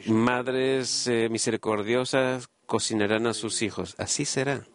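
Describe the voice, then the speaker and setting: A man giving a Spanish voice-over of a conversation, earnest and halting, with many pauses and fillers. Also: medium pitch, steady tone.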